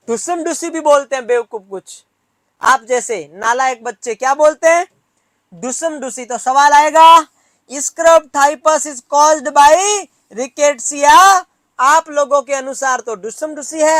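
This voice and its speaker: A man leads a nursing exam class, his voice pitched high and unhurried. He keeps firing the same question back at the students and scolds them playfully. The sound is dry, with no room echo. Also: fairly bright tone. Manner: mixes Hindi with English terms. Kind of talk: classroom lecture.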